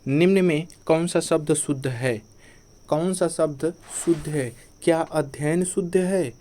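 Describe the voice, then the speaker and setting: Man drilling grammar in a mellow voice. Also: fairly high pitch, measured pace. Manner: repeats each point as a quiz question, then answers it. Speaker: Hindi teacher. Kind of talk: exam-prep grammar lesson.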